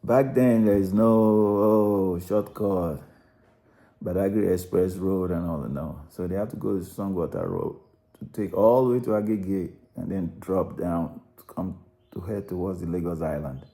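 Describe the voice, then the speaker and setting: A Nigerian man with a low-set, dark and mellow voice. He narrates in an easy, unscripted way. He repeats and restarts phrases while explaining. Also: moderate pace. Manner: rambling, self-correcting, repeats words. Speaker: narrator analysing a song. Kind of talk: unscripted spoken commentary.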